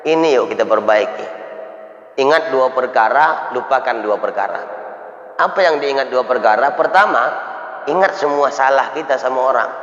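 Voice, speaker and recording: A man giving an animated sermon, acting out dialogue and rising to shouts. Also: mid-range voice, normal speed, lo-fi sound. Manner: animated, switches voices for characters, rises to shouts. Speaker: preacher. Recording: echoey hall.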